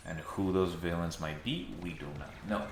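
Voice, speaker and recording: A video essayist with a deep voice speaks at normal speed to his viewers, giving casual commentary that is dryly sarcastic at times. He records in a mostly empty room in a new home, so there is heavy echoey reverb along with background noise.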